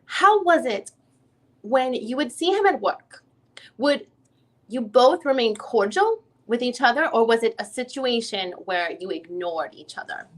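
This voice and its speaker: A woman reads the part of a female attorney questioning a witness in a dramatic reading of a legal deposition. Her fairly high voice is very animated and a little slow, and her probing, conversational manner has her feeling her way through each question and rephrasing it.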